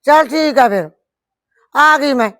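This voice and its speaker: A middle-aged woman plays a firm but caring village mother in a rural family drama, scolding her daughter and then comforting her in a blunt way. Her voice is a little high and natural, delivered at normal speed with no echo.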